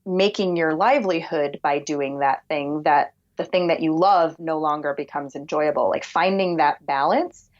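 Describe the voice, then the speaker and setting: Here the same kind of woman, a podcast producer guesting on a laid-back interview, speaks in a low, soothing, relaxed register at a moderate pace with few pauses. Her reflections unfold in long, meandering thoughts, and the audio is dull.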